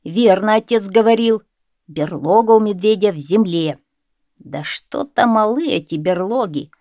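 Woman reader doing a brash, dim young hunter, slow and loud, for a storybook tale. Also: mid-range voice, no room sound, studio quality, close to an everyday voice. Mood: eager. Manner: loud, eager, drawn-out exclaiming. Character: boastful dim-witted young male hunter.

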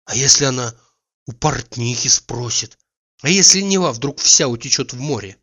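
A man's voice: mid-range voice, normal speed, slightly rough. A man voicing a playful, teasing young woman in a read-aloud story. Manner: lively, teasing, carefree. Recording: dull lo-fi recording.

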